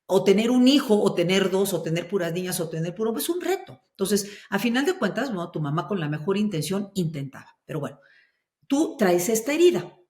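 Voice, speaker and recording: A woman speaking as a parenting expert guest on a podcast, explaining slowly and deliberately and listing examples one after another. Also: mid-range voice, sing-song, a little mellow, roomy sound. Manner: slow, deliberate, lists examples. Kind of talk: calm explanatory podcast talk.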